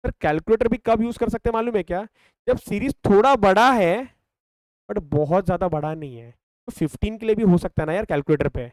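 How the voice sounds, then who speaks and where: Quick Indian man teaching math. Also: sits high, darkish tone, dry recording. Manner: Hindi-English mix, asks the class questions and answers them himself; talks over calculator steps, counting terms aloud. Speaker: math tutor. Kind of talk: classroom math lecture.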